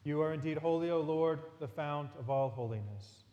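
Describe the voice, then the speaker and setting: Solemn priest with cathedral echo. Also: male voice, on the high side, warm tone, dull audio. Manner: solemn, measured, intoning. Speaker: priest celebrating Mass. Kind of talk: liturgical prayer recitation. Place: large church. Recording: long reverberant church hall.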